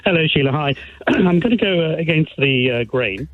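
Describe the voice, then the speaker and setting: A man's voice: a little high, expressive, normal speed. Hesitant man calling in on a tinny phone line. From Bangladesh. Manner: hesitant, many fillers and restarts. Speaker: caller. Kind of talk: radio phone-in call.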